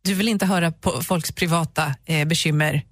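A female radio co-host presenting in a teasing, brisk way from a studio. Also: sits low, steady tone.

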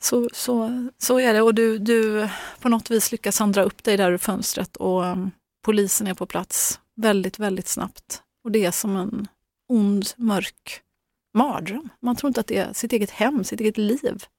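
A middle-aged woman telling a painful family story, halting and full of fillers and restarts. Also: medium pitch, fairly even intonation, a little mellow, dry recording, clean studio sound. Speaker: guest, mother. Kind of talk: emotional personal account.

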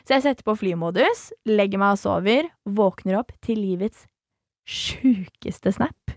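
A young adult woman telling a story in a casual podcast chat, animated and swearing as she acts out the people in it. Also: mid-range voice, no echo, studio quality.

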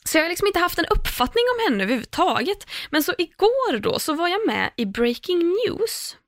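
Young woman with a high voice rambling through a story, lots of "liksom" type filler, dry close sound. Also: no echo. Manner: animated storyteller, many fillers and restarts. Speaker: podcast host. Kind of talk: casual chat, storytelling.

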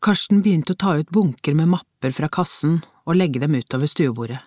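A reader narrating a crime novel as an audiobook, in measured storytelling with tense inner questions. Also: medium pitch, expressive, darkish tone, no room sound, studio quality.

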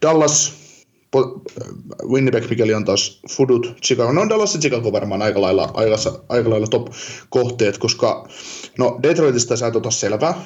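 A man's voice: medium pitch, lively intonation, darkish tone. A man co-hosting a casual podcast chat, rambling and thinking aloud with lots of fillers. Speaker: podcast co-host. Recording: dull lo-fi sound.

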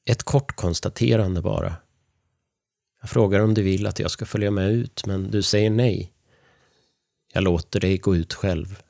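A man with a very deep, low voice tells a first-person horror story, keeping his delivery hushed and measured with tension underneath. The recording is close and completely dry, with no room sound at all. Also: vocal fry, dry recording. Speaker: narrator.

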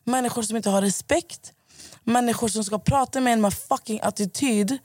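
A hoarse woman hosting a podcast, ranting in casual chat and swearing a lot. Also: on the high side, darkish tone, dry recording. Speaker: podcast host.

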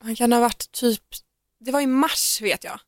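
A young woman co-hosting a podcast, telling a personal story in animated, quick casual chat and acting out what people said. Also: on the high side, no echo, clean studio sound. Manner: animated, fast storytelling with acted-out quotes and laughter. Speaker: podcast co-host.

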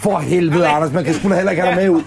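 A man's voice: high voice, fairly even intonation, over a noisy crowd. A man hosting a podcast, joking and teasing his guests in a casual backstage chat. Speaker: podcast host.

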